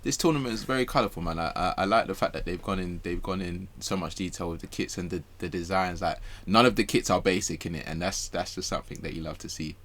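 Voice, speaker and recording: A man talks football as a podcast guest in a low, deep voice. He speaks with eager enthusiasm and often stumbles, repeating words before he finishes a thought. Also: fast talker, few pauses, fairly bright tone. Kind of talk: casual football podcast chat.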